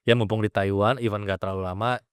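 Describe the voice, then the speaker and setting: A man's voice: lowish voice, fairly even intonation, fast, clear, resonant tone, no room sound, clean studio sound. A young man hosting a casual podcast interview, asking playful, teasing questions and mixing in English phrases. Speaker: podcast host.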